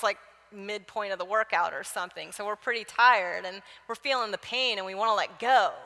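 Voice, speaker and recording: A woman with a bright, forceful, fairly high voice delivers Bible teaching in a conversational way. She moves from personal stories to direct exhortations to the listeners. Her voice carries a long reverb from a large hall. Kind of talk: conference Bible teaching talk.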